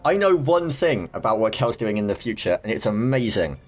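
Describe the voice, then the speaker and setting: A man hosting a casual gaming podcast, chatty and rambling with quick asides. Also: fairly low pitch, sing-song, faint music behind. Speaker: podcast host. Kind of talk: casual chat.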